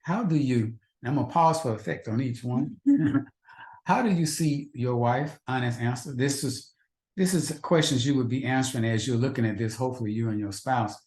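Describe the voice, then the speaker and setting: A man's voice: mid-range voice, brisk, darkish tone. A man teaching a faith-based marriage class, earnest and repetitive, asking the husbands in the audience rhetorical questions. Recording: echoey room.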